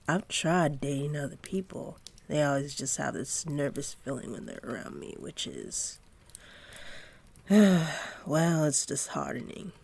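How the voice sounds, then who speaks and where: In a roleplay audio, a woman plays a doting young centaur girlfriend speaking intimately to her partner, soft, affectionate, and gently teasing. Her voice is low, dark, slow, creaky, slightly rough, and exaggerated, and she sounds wistful and grateful.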